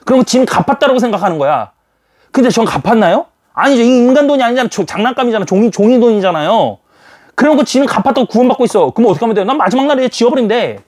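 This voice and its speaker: A man's voice: very high-pitched, rapid-fire. A man preaching a sermon in an emphatic way, firing rhetorical questions at his listeners. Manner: animated, emphatic, full of rhetorical questions to the audience.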